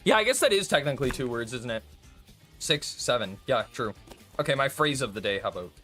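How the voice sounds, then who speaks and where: Man streamer, rambling casual chat, bouncy pitch, bright tone, faint game music behind. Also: lively intonation, brisk. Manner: rambling, chatty, swears and laughs often.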